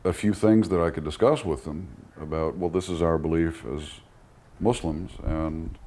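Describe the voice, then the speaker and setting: A man from Texas in the United States, speaking English as his first language, talks at a normal speed in a low, dark voice with fairly even intonation. He's an interview guest who sounds reflective and thoughtful, hesitating while he searches for words. Background noise can be heard.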